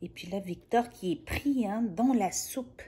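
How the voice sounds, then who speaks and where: A woman reading a picture book aloud to a child, gentle and playful, dropping into soft whispered asides. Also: mid-range voice, a little slow. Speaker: children's storyteller.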